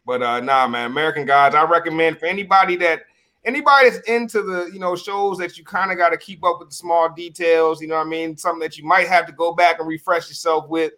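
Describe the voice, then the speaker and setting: Bright, higher-pitched man chatting casually. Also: fast. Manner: slangy, repeats phrases for emphasis. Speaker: podcast panelist. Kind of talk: casual chat.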